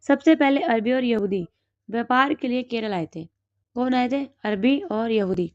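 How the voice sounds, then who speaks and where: A woman with a hoarse throat, teaching exam notes and asking and then answering her own quick questions. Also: mid-range voice, a little mellow, dry recording, muffled recording. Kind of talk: reading through study notes.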